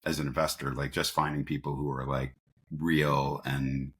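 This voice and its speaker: This man has a bass voice with little pitch movement and talks at a moderate pace. He's a company founder sitting in as an interview guest, spinning casual stories and often performing bits of dialogue in an informal manner.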